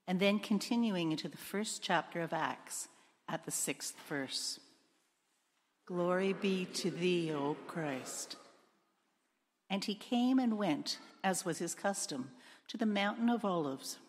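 A woman reads the gospel as clergy would in a service, formal and solemn. Her voice sits a little low. Every phrase trails into a long cathedral echo. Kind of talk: formal liturgical gospel reading. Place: large church, indoors.

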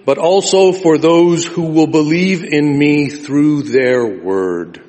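A male pastor leading a liturgy and reading the gospel in a slow, solemn, drawn-out manner, with cathedral echo. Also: on the high side, a little mellow. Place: large church sanctuary. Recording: long reverb of a large church.

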